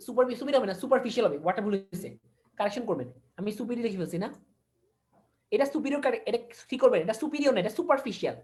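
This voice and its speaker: A woman gives an online anatomy lesson in a quick, animated voice that sits a little high. She repeats key terms and keeps asking her listeners whether they follow. The sound comes over a video-call mic. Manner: mixes English terms into speech, repeats key words, quizzes listeners. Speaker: anatomy lecturer.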